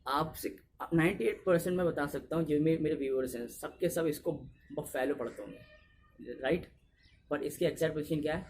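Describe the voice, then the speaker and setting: A man's voice: on the high side, a little fast, a little mellow, a little hiss or hum. A man with an Indian accent teaching English pronunciation in a casual video lesson, repeating each word and asking "What?" to drill it.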